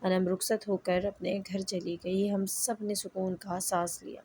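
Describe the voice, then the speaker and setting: A woman narrating an emotional first-person story in an even, measured way. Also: mid-range voice, slight background noise.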